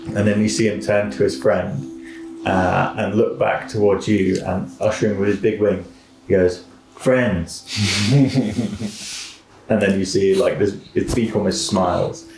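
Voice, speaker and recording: A man with a lowish voice acts as game master, telling the scene in a casual, halting way. The room is echoey, with clear noise behind him. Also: steady tone. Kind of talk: narrating a tabletop game among friends. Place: indoor room, in-person group session.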